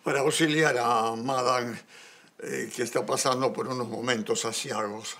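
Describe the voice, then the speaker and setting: Genial older Peruvian man, creaky voice. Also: medium pitch, fairly even intonation, moderate pace, bright, forceful tone. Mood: genial, courteous. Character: genial older man, courteous old friend. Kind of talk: telenovela acting.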